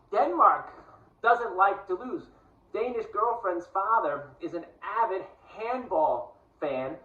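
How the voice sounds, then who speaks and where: A man's voice: high voice, bright, forceful tone, echoey room, far from the mic, highs cut off. A man from the United States, talking to camera in a casual, digressive and earnest monologue. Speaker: vlogger.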